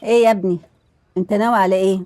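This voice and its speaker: A woman's voice: medium pitch, steady tone, racing, dark tone, lightly acted. An actress with an Egyptian accent playing a loving mother who begs her son, just out of prison, to let go of revenge. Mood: pleading. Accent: Egyptian Arabic. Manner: pleading, tender.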